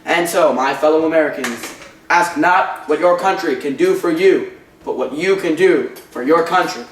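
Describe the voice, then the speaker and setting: A man's voice: a little high, normal speed, slight background noise, lightly acted. A young man playing an American president giving a formal address to the nation. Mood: solemn. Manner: speech-like address. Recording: echoey room, mic far off.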